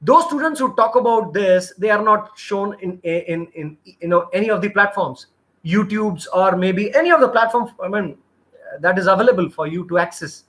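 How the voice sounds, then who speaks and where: A middle-aged interview trainer from India coaches job applicants in a live session. His high, slightly bright voice moves at a moderate pace, and his earnest delivery rambles, with frequent sentence restarts.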